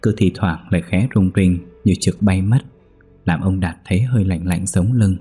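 A man narrating a ghost story in a steady, measured way. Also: sits low, slightly rough, soft background music.

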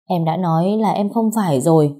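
A woman's voice: lowish voice, a little fast, warm tone, close to an everyday voice. A woman voicing a tearful, pregnant young woman who pleads with her older sister. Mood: tearful pleading. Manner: sobbing, pleading.

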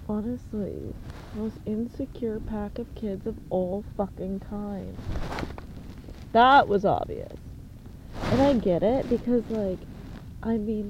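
A woman's voice: mid-range voice, lo-fi sound, background noise. A young woman in casual commentary, sarcastic and profane, with laughing asides.

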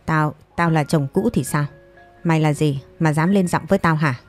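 A man's voice: fairly high pitch, fairly even intonation, fairly quick, soft background music, natural voice. A woman voicing a crude, bullying young ex-husband who snarls his lines, in a storybook reading. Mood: contemptuous. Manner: snarling, contemptuous.

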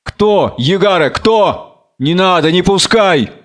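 A man's voice: a little high, measured pace, clean tone, voice pushed up, lightly acted. A man voicing a blind, chained male captive who pleads and cries out in fear. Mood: terrified.

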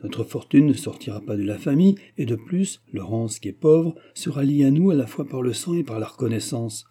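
A man reading the part of a gruff, blunt middle-aged hunter who argues insistently with his brother. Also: mid-range voice, lively intonation, brisk, dark tone. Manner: insistent, bluff.

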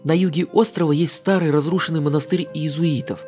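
A man's voice: fairly high pitch, steady tone, fairly quick, darkish tone, faint music behind, voice pushed up, close to an everyday voice. A man reading an audiobook voices a playful, mocking young English woman in a raised voice. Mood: teasing.

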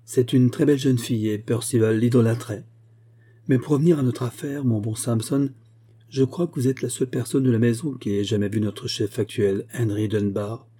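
A practical bank partner talks briskly about business, read by a man. His voice is very dark and slightly husky. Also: medium pitch, fairly even intonation, lightly acted. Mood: businesslike.

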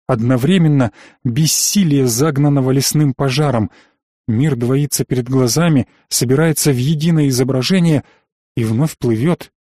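A man narrating a first-person fantasy audiobook in a measured, tense storytelling manner. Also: medium pitch, mellow, no room sound, studio quality.

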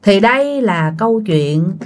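A woman's voice: medium pitch, lively intonation, unhurried. A woman, hosting and narrating a ghost story casually, talking straight to her listeners. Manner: chatty, addresses listeners directly. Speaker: storytelling channel host.

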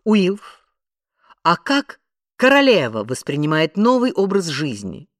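A man's voice: high-pitched, huge pitch swings, slow, fairly bright tone, no echo, studio quality, pitched above the performer's own voice, exaggerated voice. A man voicing a pushy female television reporter in an audiobook, speaking shrilly and triumphantly. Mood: bright.

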